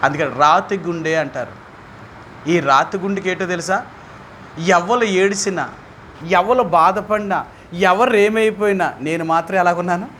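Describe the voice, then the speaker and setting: A man with a Telugu accent leads a Bible study as pastor, with a high voice. He speaks emphatically and keeps asking his listeners questions. Faint vehicle noise sits low behind him. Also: normal speed, long pauses, a bit bright.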